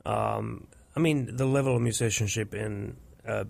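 A man's voice: on the low side, normal speed, vocal fry, a little mellow, dry recording, studio quality. A man from Finland, a church music producer thoughtfully answering interview questions. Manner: thoughtful, searching for words.

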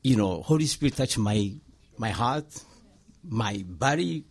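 A man with a Burundian accent speaks non-native English at a slow pace. His voice is husky and moves around in pitch as he explains things in short, simple phrases. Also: animated. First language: not English. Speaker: church choir member. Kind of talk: casual group discussion.

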